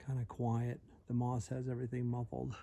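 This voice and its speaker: A man's voice: medium pitch, completely flat delivery, brisk, creaky, warm tone. A man talking casually to his camera as he hikes, in an understated, musing and informal way. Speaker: hiker filming a trail vlog. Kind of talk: casual outdoor vlog narration. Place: outdoors on a mountain trail in wet, windy weather. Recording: noisy outdoor recording with wind and rain.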